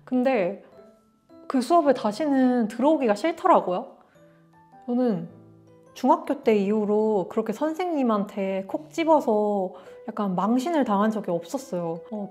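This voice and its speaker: A young woman from Korea tells a personal story straight to camera in a relaxed vlog. Her voice sits a little high, and she slips into quick acted-out dialogue. Faint background music plays beneath her. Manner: animated, acts out dialogue in quotes. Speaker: vlogger.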